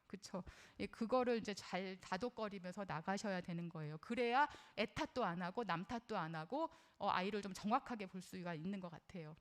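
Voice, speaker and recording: A woman's voice: medium pitch, brisk, hardly any pauses. Middle-aged woman, lecture talk, earnest, conversational, personal, questions to audience. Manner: personal, shares her own experience as a mother. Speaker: parenting lecturer. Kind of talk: recorded parenting lecture.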